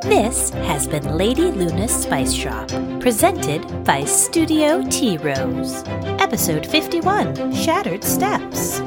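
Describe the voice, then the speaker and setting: A woman reading the closing credits of a drama podcast in a brisk, clear announcing manner. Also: mid-range voice, huge pitch swings, over loud music. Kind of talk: scripted credits read-out.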